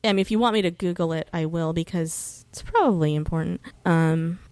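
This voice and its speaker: Her lowish voice has a darkish tone and a brisk pace, captured in a dry recording. As a podcast guest she explains legal issues conversationally, swearing a little and hesitating as she recalls details.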